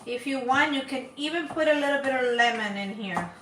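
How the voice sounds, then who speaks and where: A Dominican woman in her forties hosts a cooking channel, chatting with viewers as she cooks on a casual live stream from her home kitchen. Her voice sits high and sounds fairly bright, and she talks briskly. The low-quality recording is roomy with a little hiss or hum.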